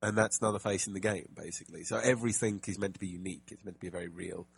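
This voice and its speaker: A man's voice: low-pitched, steady tone, very fast, creaky, slightly rough, no room sound. A man co-hosting a casual gaming podcast, chatty and jokey, with plenty of fillers and restarts. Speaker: podcast co-host.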